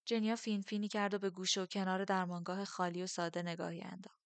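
A woman narrating a first-person novel as an audiobook, measured and steady. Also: mid-range voice, no room sound.

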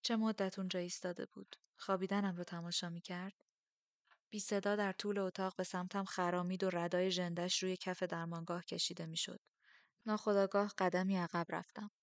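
Woman audiobook narrator, measured, low flat voice, dry close recording. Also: no echo. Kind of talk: first-person novel narration.

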